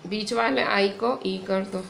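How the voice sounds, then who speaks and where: Indian woman teacher, slow and gravelly, echoey room: patient lesson delivery. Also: mid-range voice, a little hiss or hum. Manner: slow, patient explaining with frequent "theek hai". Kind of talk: online grammar lesson. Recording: echoey room with faint ambience.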